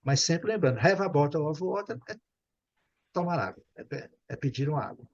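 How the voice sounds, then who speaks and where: Um professor de inglês brasileiro dando aula online, paciente, repetindo e conferindo se o aluno entendeu. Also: male voice, a little high, expressive, fairly quick, vocal fry, highs cut off. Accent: Brazilian Portuguese. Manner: patient, repeats and checks understanding. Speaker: English teacher. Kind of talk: online English class.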